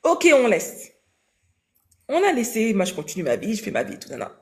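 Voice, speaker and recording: A young woman telling a story casually in an interview, animated and slangy, acting out the dialogue. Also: fairly high pitch, moderate pace. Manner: animated, slangy, acts out dialogue in quoted voices.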